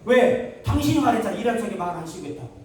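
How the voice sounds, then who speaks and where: A middle-aged man preaching a lively revival sermon, joking and breaking into shouts. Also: sits high, quick pace. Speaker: pastor. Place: large church sanctuary. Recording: very echoey church hall from far off.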